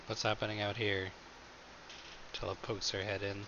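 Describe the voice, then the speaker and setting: A man's voice: lowish voice, little pitch movement, moderate pace. A man playing in a tabletop game, speaking in a dry, matter-of-fact way. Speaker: player. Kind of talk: tabletop role-play chat. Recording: dull mic with clear hiss.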